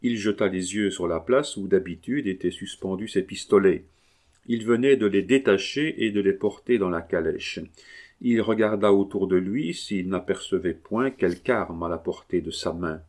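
Male audiobook narrator, very deep voice, measured dramatic reading. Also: a little mellow. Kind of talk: audiobook narration of a classic novel.

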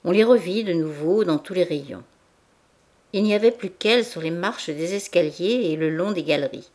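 A woman narrating a classic novel as an audiobook in a measured, even literary reading. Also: fairly low pitch. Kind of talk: scripted narration.

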